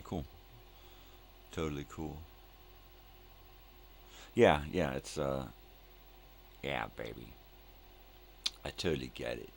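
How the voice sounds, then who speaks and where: Older man, bottomless gravelly voice, laid-back rambling host, hippie slang, repetitive, slightly noisy recording. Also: rumbling low. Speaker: host of a live morning show. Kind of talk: casual rambling chat.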